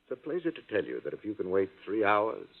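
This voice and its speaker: An actor playing a wry, unflappable American detective in a 1940s radio drama, laconic and deliberate. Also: male voice, fairly low pitch, wildly swooping pitch, full character voice. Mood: grave, kindly. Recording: narrow-band old radio broadcast.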